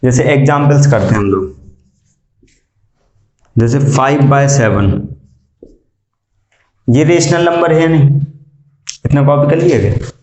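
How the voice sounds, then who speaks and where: A man's voice: medium pitch, a little mellow. Echoey male math teacher quizzing a class. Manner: quizzes students, repeats statements slowly, calls them "beta". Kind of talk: classroom lecture. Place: classroom with students.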